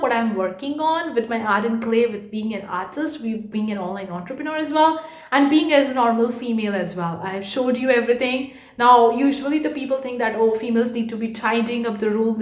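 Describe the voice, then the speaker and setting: Chatty woman vlogging in an echoey room. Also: on the high side. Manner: chatty, rambling, frequent "guys"; says she speaks too fast. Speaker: art vlogger and online entrepreneur. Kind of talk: casual vlog chat. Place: her bedroom.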